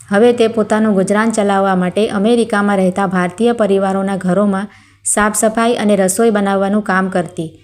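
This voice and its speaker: A woman's voice: mid-range voice, darkish tone. Woman reading a moral tale. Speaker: storyteller. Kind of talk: scripted story narration.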